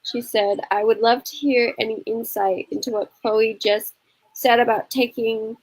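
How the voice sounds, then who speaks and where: A woman's voice: fairly high pitch, steady tone, a little slow, poor audio. Young woman hosting a live stream. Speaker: host. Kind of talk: casual live-stream conversation.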